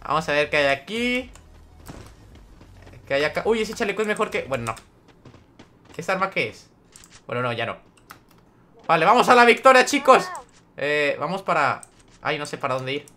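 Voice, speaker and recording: A man's voice: fairly high pitch, very animated, normal speed, pauses often, pushed and bright, slight background noise. A young man streaming a game live, chatting with viewers, greeting them by name and reading the chat aloud. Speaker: gaming streamer.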